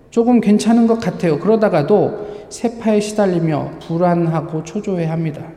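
A man's voice: sits high, mellow. Male pastor, Sunday sermon in a reverberant church hall, questions the congregation. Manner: asks the congregation rhetorical questions. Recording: echoey hall with long reverb.

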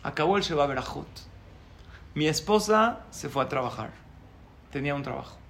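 Animated rabbi telling a story. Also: male voice, fairly high pitch, moderate pace, a little hiss or hum. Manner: animated, chuckling, asks the audience questions. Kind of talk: storytelling sermon.

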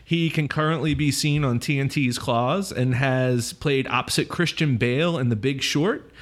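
A man's voice: medium pitch, moderate pace. A man hosting a casual podcast, playful and joking as he reads out listener mail and introduces guests. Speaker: podcast host.

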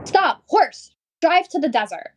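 Squeaky cowardly schoolboy, very animated, slow and word-mangling, for a vintage radio comedy. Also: male voice, noisy background, heavily acted. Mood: boastful. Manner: reads own stage directions aloud, mangles words. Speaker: comic character. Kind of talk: 1950s radio comedy acting.

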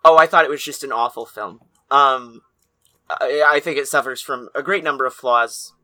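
Very bright-voiced man, casual podcast co-host. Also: medium pitch, moderate pace. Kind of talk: casual film discussion.

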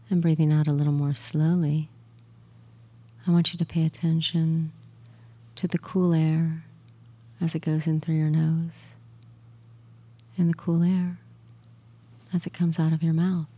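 A woman guiding a relaxation and hypnosis session in a soothing, gentle, soft murmur that is breathy and near a whisper at times, with long pauses. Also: low voice, little pitch movement. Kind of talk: guided meditation and hypnosis induction.

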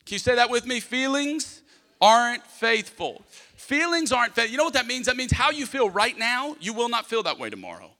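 A man preaches to a congregation in a large hall with long reverb, his very high voice very animated, brisk, pushed and bright. He's emphatic yet conversational, repeating phrases for the crowd to echo, acting out small dialogues and telling funny personal stories.

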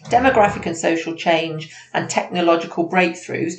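A woman's voice: lowish voice, normal speed. A woman co-hosting a podcast in a casual, conversational business chat. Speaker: podcast co-host. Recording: echoey room, background noise.

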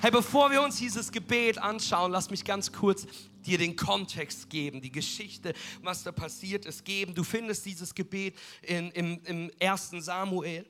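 A male pastor preaches with a high, bright voice that sounds forceful and tense. He tells the story in a lively way and mixes in jokes and asides. The delivery is full sermon storytelling. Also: measured pace, slight background noise.

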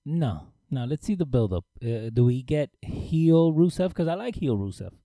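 A man co-hosts a casual podcast, his voice mellow and on the dark side. He jokes and cuts in animatedly on his partner. The sound is dry, with no room echo. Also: medium pitch, moderate pace. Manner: animated, joking, talks over his partner. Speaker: podcast co-host. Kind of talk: casual wrestling chat.

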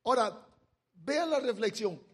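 A man preaching a sermon, reading Bible verses and speaking to his listeners as brothers, swelling loud on key words and then dropping soft and intimate. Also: very high-pitched, big pitch swings, a little slow, breathy edge.

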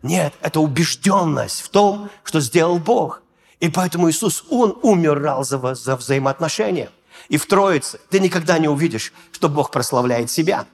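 A male pastor preaching a sermon, telling stories with acted-out voices and bursts of shouting. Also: on the high side, moderate pace, creaky. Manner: animated storytelling, acts out voices and shouts.

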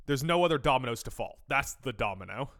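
A man co-hosting a sports podcast in casual chat, with wry asides and a quick rundown of the games. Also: mid-range voice, animated, fairly bright tone. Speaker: podcast co-host.

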